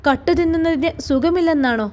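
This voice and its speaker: A woman's voice: very high-pitched, fairly quick, darkish tone. A woman voicing a playful young man who teases with his questions. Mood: teasing. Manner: playful, teasing.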